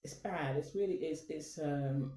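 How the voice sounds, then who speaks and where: A channel host with a low, dark voice speaks at a measured pace, addressing her viewers in a relaxed, rambling way with lots of fillers and restarts. She's recorded from a distance, and the room echoes.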